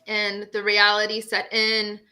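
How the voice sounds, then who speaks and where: A woman's voice: mid-range voice, monotone, unhurried, pushed and bright. A young woman from Honduras, a guest on an online talk show, telling her own story in an earnest, candid way with frequent fillers. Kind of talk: personal storytelling in a live-stream talk.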